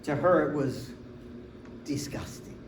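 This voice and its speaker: Pastor in his 40s preaching, kinda high voice, chatty and jokey, echoey church room with faint hum behind. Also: slow pace. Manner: conversational, humorous storytelling. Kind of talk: sermon. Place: church sanctuary.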